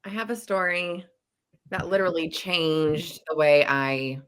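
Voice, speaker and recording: A woman educator co-hosting a podcast, telling a story in a lively, casual way and acting out her own past thoughts. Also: deep voice, unhurried, clean tone.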